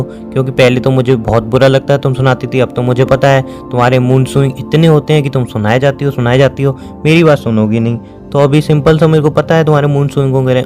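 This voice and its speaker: A man's voice: mid-range voice, lightly acted. A young man playing a boyfriend in an acted phone-call drama, insistent and questioning, later patient and lecturing. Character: young boyfriend pressing his girlfriend on a call.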